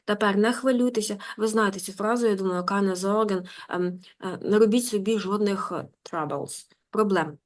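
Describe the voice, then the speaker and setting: Woman teaching german online, reads slow then translates and explains fast, like a class lesson. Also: mid-range voice. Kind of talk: reading a German story aloud and translating for a class.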